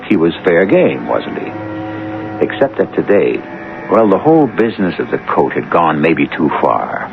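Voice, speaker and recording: A man hosting a 1970s radio drama with theatrical, wry and deliberate scripted narration. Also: low-pitched, noisy background. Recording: tinny 1970s radio broadcast. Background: music.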